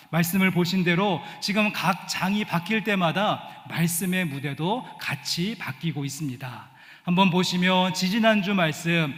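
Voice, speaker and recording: A man's voice: high voice, fairly bright tone. A male pastor preaching a sermon, explaining a passage step by step and asking the congregation questions. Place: church sanctuary. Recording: long church reverb.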